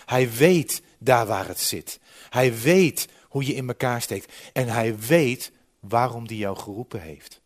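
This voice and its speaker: A man preaching a sermon with slides, lively and humorous, often dropping from loud to quiet. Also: mid-range voice, slow. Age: 40s.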